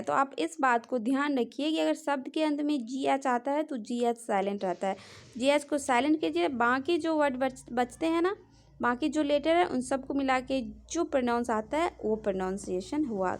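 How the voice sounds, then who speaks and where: A high-pitched woman with a Hindi accent runs a relaxed, chatty lesson. She spells words out letter by letter and keeps stopping to check that listeners are following. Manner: repeats "ठीक है" often and spells words letter by letter. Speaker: English teacher. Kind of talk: casual explanatory lesson.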